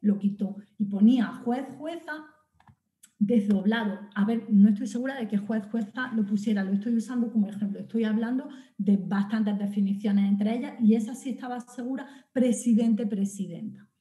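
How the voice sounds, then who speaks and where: A woman giving a public lecture. She is animated, talks straight to her audience, and often restarts and corrects herself. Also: medium pitch, normal speed. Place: lecture hall. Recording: dull echoey hall recording.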